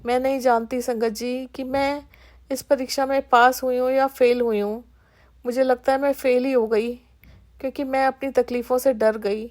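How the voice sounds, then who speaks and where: A woman's voice: high voice, level tone, moderate pace, darkish tone. Earnest woman sharing a devotional testimony. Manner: heartfelt, earnest, addresses listeners as sangat ji.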